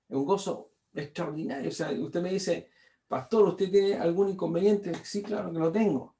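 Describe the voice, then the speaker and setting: A man's voice: on the high side, creaky, a little mellow. A male pastor preaching a sermon, reading scripture aloud and then expounding on it, repeating phrases and tagging lines with "¿cierto?".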